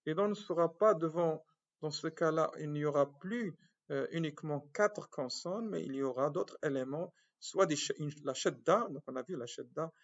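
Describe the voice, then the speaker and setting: A man from Morocco, a medical school professor, giving a slow recorded lecture with many restarts and fillers, spelling out syllables one by one. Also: fairly high pitch, dull audio.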